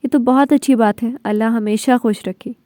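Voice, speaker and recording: A woman's voice: on the high side, fairly even intonation, fairly quick, warm tone, no echo, lightly acted. A woman narrator voicing an affectionate, kindly uncle. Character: older man, affectionate uncle.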